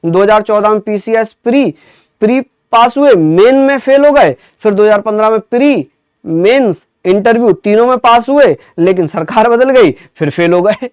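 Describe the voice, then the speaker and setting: A man's voice: high voice, lively intonation, normal speed, darkish tone, smooth, no echo. A man teaching a history lesson to exam students, drilling facts by asking and answering his own questions, with chatty asides. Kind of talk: online exam-prep lecture.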